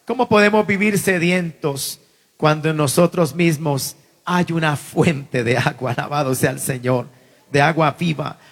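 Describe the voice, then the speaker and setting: Male pastor, high voice, fervent sermon delivery that builds to shouting. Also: unhurried. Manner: fervent preaching that swells to shouts. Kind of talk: impassioned sermon.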